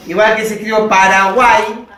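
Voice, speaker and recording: A woman gives a university lecture in a slow, methodical way and checks in with her students. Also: medium pitch, steady tone, fairly bright tone, far from the mic, a little hiss or hum. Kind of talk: classroom lecture. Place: classroom. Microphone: distant recorder in the room. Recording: echoey classroom recording from afar.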